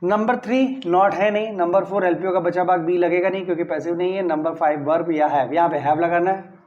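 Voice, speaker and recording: High-voiced male grammar teacher. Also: fairly even intonation, brisk, a little mellow, dull audio. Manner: explains step by step, often asks "clear?"; stresses key words when saying model sentences. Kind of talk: classroom-style grammar lesson.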